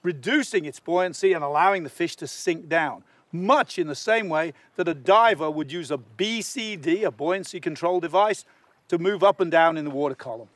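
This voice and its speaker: A man's voice: on the high side, lively intonation, moderate pace, no echo. An older man presenting a nature documentary outdoors, explaining things to camera. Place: outdoors on grass by the sea.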